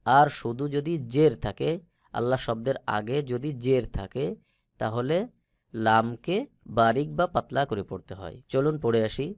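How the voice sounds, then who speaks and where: A man's voice: medium pitch, moderate pace, no room sound. A man teaching Quran recitation in Bengali, patiently spelling letters out one by one and then chanting the words drawn out. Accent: Bangladeshi Bengali. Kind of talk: slow spelled-out recitation lesson.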